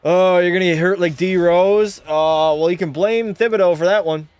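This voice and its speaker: A young Canadian gaming streamer live-streams a hockey game, swearing through loose banter and reading chat aloud as he answers it. His high-pitched voice is smooth and a little mellow, with fairly even intonation and a moderate pace, recorded dry with faint music behind.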